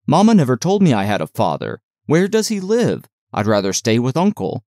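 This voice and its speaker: Male narrator as frail young boy, audiobook character, plaintive, questioning, reluctant, swooping pitch. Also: wildly swooping pitch, a little fast, mellow, no room sound, clean studio sound. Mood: perplexed, reluctant.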